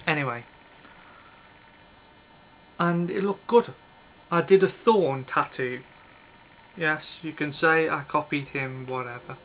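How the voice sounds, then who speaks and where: A man in his thirties, recording a casual video blog in a small red-curtained bedroom indoors, rambles bluntly and offhandedly to camera, often cutting off mid-thought. His voice is slightly high and a bit bright, his pace slow with frequent pauses. Picked up by the built-in webcam mic, the audio is poor with slight background noise.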